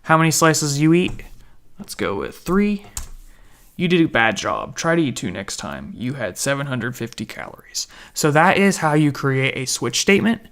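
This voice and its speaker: A man's voice: on the high side, big pitch swings, moderate pace, a bit bright. A man teaching programming in a casual screen-recorded tutorial, chatty and joking, often correcting himself as he goes. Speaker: programming instructor.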